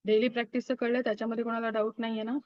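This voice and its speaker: A woman's voice: fairly high pitch, flat delivery, no echo. Woman teaching a Reiki class online. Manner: asks the class quick check-in questions; mixes English phrases into her talk. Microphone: video call. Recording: dull, dry video-call audio.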